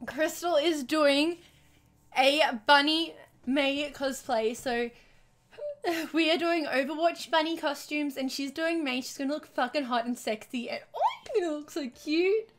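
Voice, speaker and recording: A woman's voice: high-pitched, unhurried. A woman chatting casually to her livestream viewers, effusive and giggly, swearing freely, hiccupping and short of breath as she talks. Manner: hiccupping while talking.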